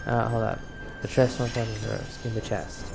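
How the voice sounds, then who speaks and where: Off camera over game music, a man plays a video game and keeps up casual, sarcastic, grumbling commentary as a let's player. His voice is fairly low and level, fairly quick, with vocal fry.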